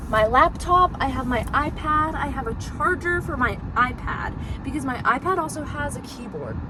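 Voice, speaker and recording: A teenage girl with a slightly high voice rambles to her followers in a casual vlog. She swears freely and leans on "like" constantly, with a loud hum of car and road noise under her voice. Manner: rambly, profane, heavy use of "like". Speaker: vlogger. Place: inside a car with the engine running.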